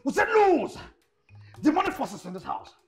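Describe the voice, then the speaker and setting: An actress playing a fervent Nigerian prophetess who prays loudly and speaks in tongues. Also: female voice, high voice, sing-song, moderate pace, creaky, faint music behind, exaggerated voice. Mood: frenzied. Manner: loud, ecstatic, speaks in tongues. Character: fervent praying prophetess, middle-aged woman.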